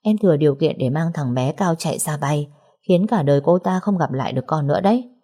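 A woman voicing a coy, scheming young woman in a story, speaking in a soft, cooing, sugary way. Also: deep voice, animated, fast. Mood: sweetly menacing. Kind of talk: audiobook character reading.

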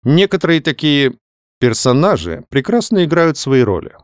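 A man reading aloud, voicing a lively, excitable young woman novelist in a raised, animated voice. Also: fairly high pitch, normal speed, no echo, clean studio sound, voice pushed up. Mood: distracted, musing.

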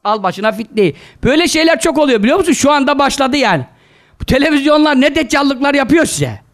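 Animated high-voiced male preacher. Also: fast talker. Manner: animated, scolding, fond of rhetorical questions; mixes quoted Arabic scripture into his talk. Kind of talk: sermon to a live gathering.

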